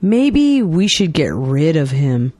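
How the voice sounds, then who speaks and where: Slow, lively-voiced woman reading dialogues. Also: low voice, no room sound. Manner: clear, deliberate enunciation. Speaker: dialogue reader for English learners.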